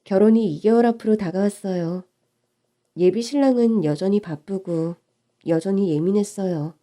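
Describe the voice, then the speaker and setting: Mellow woman narrating a story. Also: mid-range voice, normal speed. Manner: calm first-person storytelling. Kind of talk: scripted narration of a listener's story.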